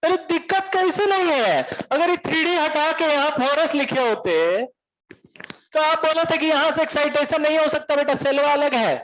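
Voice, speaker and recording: A man's voice: extremely high pitch, moderate pace, pitched above the performer's own voice, rough recording. A man voicing an agitated young male Bihari student who rants indignantly, with a Bihari accent. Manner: loud, indignant, ranting.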